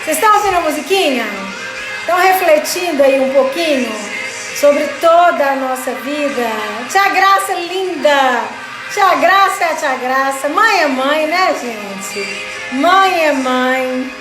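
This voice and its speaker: A woman's voice: high voice, expressive, slow pace. A Brazilian woman hosting a casual live stream, greeting viewers by name and chatting in a home craft studio. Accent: Brazilian Portuguese. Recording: roomy studio with background music.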